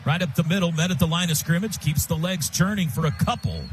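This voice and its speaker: An American play-by-play announcer calls live football on the radio from a stadium booth, speaking fast in clipped, urgent phrases with a fairly high voice. Stadium noise comes through clearly in the broadcast.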